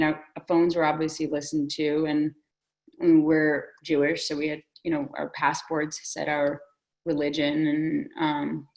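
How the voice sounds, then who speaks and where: A woman from the Soviet Union, a guest in a casual film discussion, speaks in a deep, darkish voice on a rough recording. She's thoughtful and hedges her opinions, often restarting her sentences.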